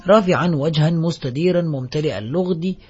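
Casting: male audiobook narrator, solemn and measured, slightly high voice, husky. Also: darkish tone. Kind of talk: dramatic audiobook reading. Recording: dull lo-fi audio, faint music.

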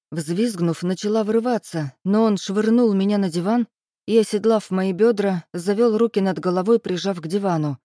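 Mellow woman narrating a novel. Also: medium pitch, no echo, clean studio sound. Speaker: audiobook narrator. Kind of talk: first-person novel narration.

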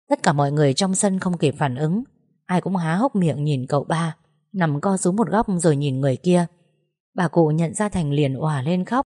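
Husky, mellow woman narrating a story. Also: sits low. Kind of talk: first-person audio story narration.

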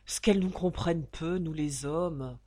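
A woman's voice: deep voice, normal speed, mellow. A woman voicing a cocky slangy tough guy. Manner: cocky, slangy, self-satisfied. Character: swaggering Parisian tough guy, smug lover.

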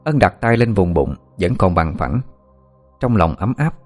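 A man narrating a dramatic story in steady scripted narration. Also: sits low, measured pace, soft background music.

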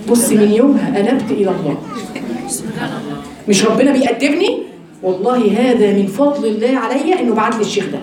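A woman with an Egyptian accent giving a religious lesson to women, animated and full of rhetorical questions to her listeners. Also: fairly high pitch. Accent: Egyptian Arabic. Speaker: religious teacher. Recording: very echoey room from far off mic.

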